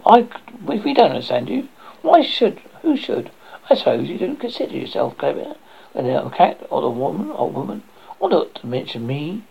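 A reader voicing a bossy, scornful little hen who lectures in a gravelly, husky voice. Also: medium pitch, lo-fi sound, full character voice. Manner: lecturing, haughty.

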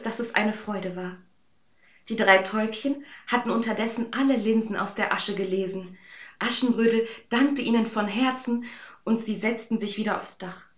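A woman telling a fairy tale in a calm, even storytelling voice. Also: a little high, echoey room, dull audio.

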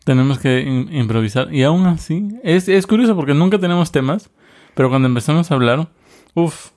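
A man's voice: a little high, brisk. A man co-hosting a podcast, chatting casually with jokes and rambling asides. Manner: relaxed, joking, rambling. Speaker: podcast co-host. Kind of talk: casual chat.

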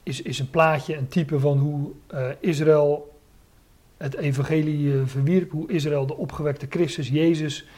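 A man's voice: a little high, steady tone, measured pace, a little mellow. A man teaching from the Bible in a sermon, reading passages aloud and then explaining them with frequent hesitations. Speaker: preacher.

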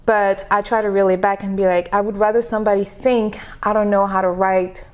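A woman's voice: medium pitch, level tone, a little fast. A woman from Senegal, a native French speaker, chatting as a podcast guest and coach, telling stories and laughing easily. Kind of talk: casual interview chat.

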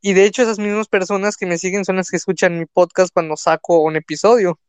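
He talks fast in a high voice with a flat delivery and a clean tone, recorded with no echo. The speaker is a young man from Mexico with a Mexican Spanish accent, a content creator chatting casually on a live stream, rambling with plenty of fillers and restarts.

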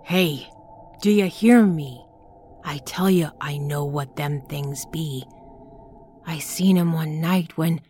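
A woman voicing a frantic, half-mad old woman who speaks in a rustic old-timer dialect and swings between shouting and hoarse whispers. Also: deep voice, steady tone, takes it slowly, slight background noise, heavily acted. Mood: raving.

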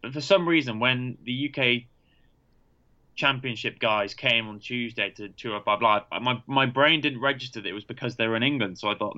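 Bright-toned man, lo-fi recording. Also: mid-range voice. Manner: exasperated, stammering restarts. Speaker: podcast co-host. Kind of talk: casual wrestling chat.

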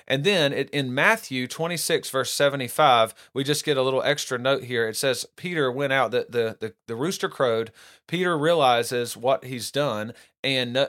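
Guy walking through a bible passage, mid pitch, chatty with lots of restarts. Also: a bit bright. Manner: conversational, restarts often, reads scripture aloud. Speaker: preacher. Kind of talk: casual Bible teaching.

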